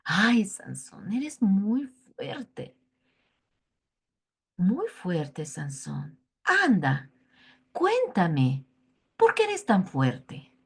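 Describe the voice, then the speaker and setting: Woman putting on a coaxing scheming young woman, Mexican Spanish accent, sing-song pleading, slow drawn-out words, lively pitch. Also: breathy edge, heavily acted.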